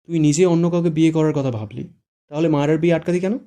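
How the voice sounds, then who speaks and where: A man voicing a playful young man who teases and exclaims in quick quips, read as audiobook dialogue. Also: on the high side, pitched above the performer's own voice, close to an everyday voice. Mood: teasing. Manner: teasing, exclaiming, lively quips.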